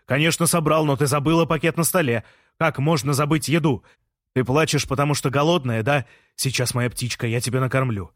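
A man's voice: mid-range voice, steady tone, a little fast, no room sound, studio quality, close to an everyday voice. A man voicing a fussy, anxious expectant father who frets and wails over his partner. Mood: coaxing. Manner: fretting, wailing, smothering.

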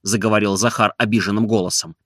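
A man narrating a classic novel in an expressive, measured audiobook reading. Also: lowish voice, no echo, clean studio sound.

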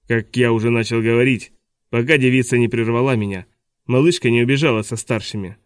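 A falsely polite, gloating villain posing as a teacher, read by a man, in a mid-range voice. He keeps his tone smooth and courteous while enjoying his own cruelty in a storybook reading. The recording is dry and close. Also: mid-range voice, fairly even intonation, a little fast, no room sound, close to an everyday voice. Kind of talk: audiobook dialogue reading.

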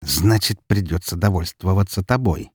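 A man voicing a furious, hateful man who yells orders and hisses curses. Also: sits low, normal speed, breathy edge, no echo, clean studio sound. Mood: hissing. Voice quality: yelling, then hissing.

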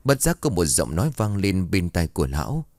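A man narrating a spoken horror story in an expressive storytelling manner. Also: sits low, brisk, no echo.

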